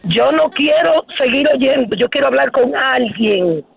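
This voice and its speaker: Very high-pitched woman on a dull phone line. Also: lively intonation, measured pace, gravelly, husky. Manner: indignant, insistent complaining. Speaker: prank call victim. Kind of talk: exasperated phone conversation. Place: at home on the phone. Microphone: telephone.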